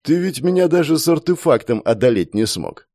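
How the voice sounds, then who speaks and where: A man's voice: fairly high pitch, very animated, brisk, mellow, dry recording, studio quality, pitched above the performer's own voice. A man doing a sneering cruel young man. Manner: taunting, sneering, coldly threatening.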